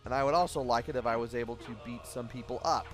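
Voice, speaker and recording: Tired male let's play host, low-key commentary with faint game music under it. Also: fast, a bit bright. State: tired, late at night. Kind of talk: gameplay commentary.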